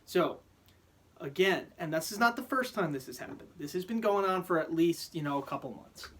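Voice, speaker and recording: A man's voice: high voice, lively intonation, a little fast. A man venting in a profane, heated vlog rant, often stammering and restarting his sentences. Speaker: vlogger. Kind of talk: angry rant to camera.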